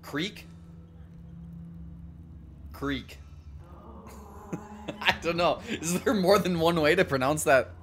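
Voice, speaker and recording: A man's voice: a little high, unhurried, a bit bright, a little hiss or hum. A man with a Minnesotan accent chatting casually and profanely while streaming a video game, often laughing and musing aloud. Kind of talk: casual live-stream chat while gaming.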